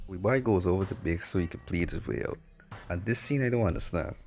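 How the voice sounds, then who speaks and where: Deep gravelly man roasting a movie. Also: quick pace, a little mellow, soft background music. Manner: mocking, blunt, slangy. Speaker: movie reviewer. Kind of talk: sarcastic movie review commentary.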